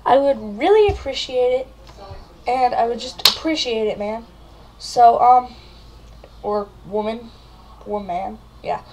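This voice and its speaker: A woman's voice: fairly high pitch, unhurried, pauses often, a little hiss or hum, low-quality recording. Melodramatic mock-scared woman vlogger. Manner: mock-frightened, melodramatic, repeats words. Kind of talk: comedic vlog.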